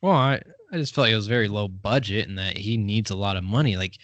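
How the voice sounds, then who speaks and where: A man's voice: fairly low pitch, quick pace, fairly bright tone, no room sound, highs cut off. A man co-hosting a movie podcast in loose, rambling casual chat, full of fillers. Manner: rambling, lots of fillers and laughs. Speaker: podcast co-host.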